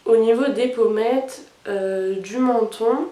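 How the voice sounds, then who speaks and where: A woman's voice: a little high, takes it slowly, warm tone, far from the mic. A young woman talking through her makeup routine in a casual, hesitant way, with many fillers. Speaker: beauty vlogger. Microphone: camera mic at a distance. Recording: roomy sound, camera set back.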